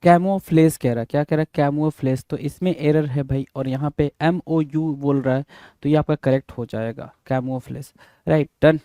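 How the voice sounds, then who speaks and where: A man with an Indian accent works through a spelling quiz, calling out each word and then spelling it letter by letter. His voice sits a little high but sounds mellow and dark. The recording is dry and close, with no room sound. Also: steady tone, normal speed, no echo. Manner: casual, repeats words and spells them out letter by letter, says "bhai" often. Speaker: English teacher. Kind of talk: spelling lesson, going through answers.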